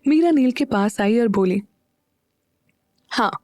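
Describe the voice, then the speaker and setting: A woman narrating a romance audio drama in a measured storytelling manner. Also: a little high, mellow, dry recording, clean studio sound.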